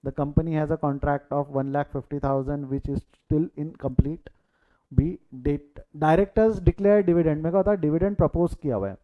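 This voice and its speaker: Over tinny, phone-style audio, a man with a higher-pitched, unhurried voice teaches accounting in a live online session. He uses English terms here and there, repeats the main figures, and encourages students to post their answers in the chat.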